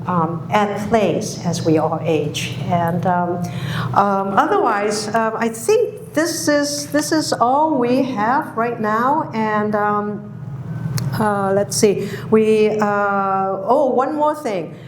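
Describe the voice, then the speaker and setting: A woman who grew up in Hong Kong, giving a public talk, speaking slowly with many pauses and fillers. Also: mid-range voice, background noise. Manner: slow, halting, many fillers. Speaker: guest speaker. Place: lecture hall. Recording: echoey hall recording.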